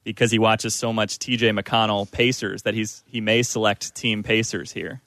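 A man's voice: fairly low pitch, level tone, moderate pace, a bit bright, no echo. A man hosting a sports talk radio discussion.

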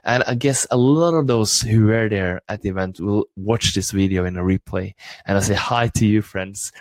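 A Norwegian man, working as a coach trainer, gives an enthusiastic motivational talk in a live broadcast. His voice is on the low side, and there's no room sound.

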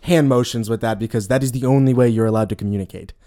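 A man co-hosting a casual podcast, telling behind-the-scenes stories in an animated, quick, filler-heavy way. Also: medium pitch. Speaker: podcast co-host, former costumed character performer.

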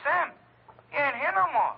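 An actor playing a folksy, slangy morgue attendant on the phone, in 1940s radio acting. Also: male voice, extremely high pitch, expressive, moderate pace, creaky, heavily acted. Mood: earnest. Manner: slangy, ungrammatical. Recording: muffled old radio, phone-like.

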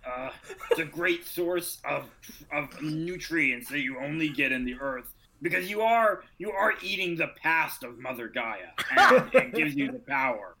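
A man's voice: fairly high pitch, lively intonation, a little slow, a crowd in the background, rough recording. A man joking casually as a player in a tabletop game.

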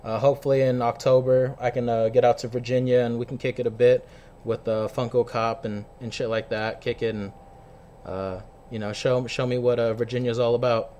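A man's voice: medium pitch, little pitch movement, a little fast, dark tone, a little hiss or hum. A man hosting a casual podcast, chummy and slangy, swearing freely. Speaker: podcast host. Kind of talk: casual interview chat.

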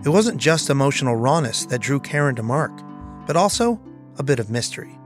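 A man hosting a podcast, reading measured, scripted narration. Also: mid-range voice, sing-song, faint music behind. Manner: measured, storytelling. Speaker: podcast host.

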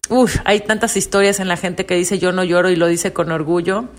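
A woman's voice: fairly low pitch, fairly even intonation, fairly quick. A young woman hosting a reflective monologue podcast, earnest and confiding. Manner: earnest, confiding, acts out quoted voices. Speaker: podcast host.

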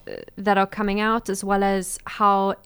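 A woman's voice: medium pitch, monotone, normal speed, a bit bright, smooth. A young woman with a South African accent chatting informally as an interview guest about her own work. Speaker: interview guest, small business owner and designer. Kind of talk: casual interview chat.

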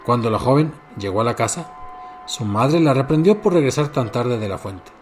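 A man narrating a fairy tale in measured storytelling. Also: medium pitch, animated, soft background music.

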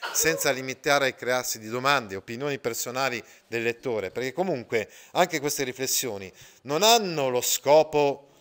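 A man's voice: mid-range voice, a bit bright, smooth. A man teaching a literature lesson, reading passages aloud and breaking off to explain, with many "eh" and "no?" tags and frequent self-corrections.

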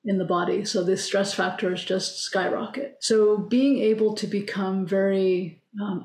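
A woman speaking as a panelist, explaining her points with emphasis. Her voice sits in a middle pitch range, and the room adds a noticeable echo. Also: a little mellow. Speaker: panelist, executive coach. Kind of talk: live panel discussion. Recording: roomy echo.

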